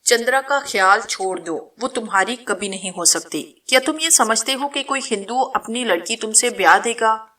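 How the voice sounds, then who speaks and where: A woman's voice: a little high, few pauses, bright, forceful tone, recorded from a distance. A woman reading as a proud, domineering noblewoman. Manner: commanding, possessive. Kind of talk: storybook reading.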